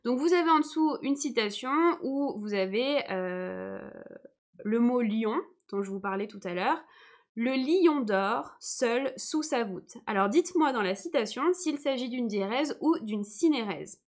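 Young female teacher, live online lesson, patient and reassuring, a touch high-pitched. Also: expressive, moderate pace. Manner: patient, checks in often with viewers.

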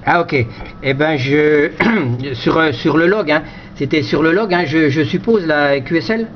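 Chatting casually over amateur radio at a measured pace, a man with a fairly high voice hesitates and frequently repeats himself. The recording sounds dull and lo-fi, with a bit of noise.

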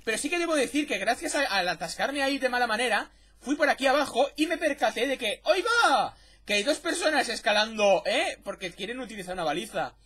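A man with a Spain Spanish accent commentating a game replay, chatty and excitable, swearing freely. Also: very high voice, fast talker, slightly rough. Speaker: gameplay commentator. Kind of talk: replay commentary over gameplay.

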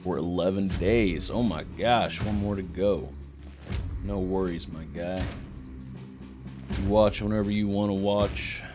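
A man chatting casually while streaming a game with friends, relaxed and quick to laugh. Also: deep voice, music in the background. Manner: relaxed, laughs often, swears. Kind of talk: casual gaming chat.

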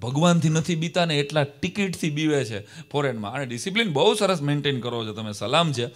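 An animated male stand-up comedian tells stories live on stage, acting out dialogues and breaking into bursts of laughter. His voice is fairly high and his delivery a little fast.

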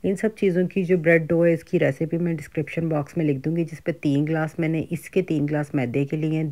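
With a mellow, low-pitched voice, a middle-aged Pakistani woman speaking with an Urdu accent narrates her grocery and cooking vlog. Her home-cook commentary is casual and chatty, with many fillers and asides.

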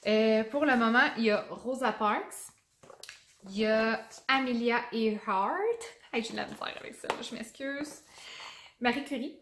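A woman's voice: fairly high pitch, a little slow, fairly bright tone, a little hiss or hum. A young woman with a Québécois accent, a teacher chatting enthusiastically about children's books and stumbling on names. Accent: Québécois French. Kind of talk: casual book review vlog. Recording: roomy echo.

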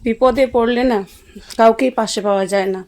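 A woman's voice: a little high, steady tone, brisk, darkish tone. A young woman chatting casually to her viewers in a home vlog while she cooks in a small kitchen. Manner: chatty, talks straight to viewers while cooking. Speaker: vlogger.

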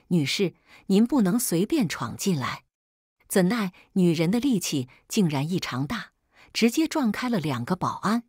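Woman storyteller, first-person narration, husky low voice, calm and unhurried. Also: no echo, clean studio sound.

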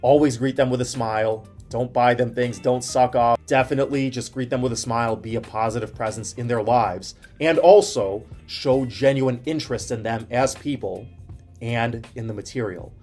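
Animated man giving study advice, music behind. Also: medium pitch, moderate pace. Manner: animated storytelling with frequent "like" fillers. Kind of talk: casual advice to camera.

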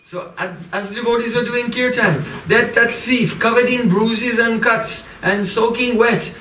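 A man telling a devotional story in short phrases, pausing for an interpreter, recorded from a distance in an echoey room with faint music. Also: extremely high pitch, fairly even intonation, bright, forceful tone, a little hiss or hum. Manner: pauses line by line for translation.

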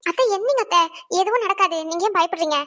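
A woman's voice: very high-pitched, fast talker, bright, forceful tone, no room sound. Woman voicing a pleading young wife. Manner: pleading and persuading. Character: young pregnant wife, calm and reasoning. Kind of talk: cartoon family drama voice acting.

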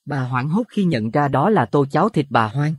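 A man narrating a Buddhist horror audio story in an expressive, dramatic way. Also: a little high, moderate pace, husky, no echo, clean studio sound. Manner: expressive, rising to alarm at scary moments.

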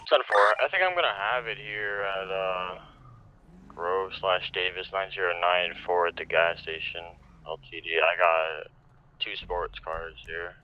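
A man's voice: low-pitched, steady tone, unhurried. A man calling out over a police radio in a roleplay game, clipped and matter-of-fact, using radio codes. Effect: police radio transmission. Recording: dull lo-fi radio sound with faint noise.

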